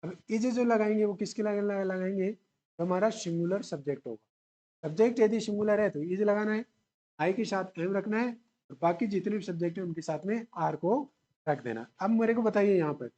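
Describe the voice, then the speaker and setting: A man's voice: high voice, moderate pace, dark tone, lo-fi sound. A male English teacher giving an exam-prep lecture at a whiteboard, asking the class questions and answering them himself while repeating key words. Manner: mixes English grammar terms into Hindi explanation.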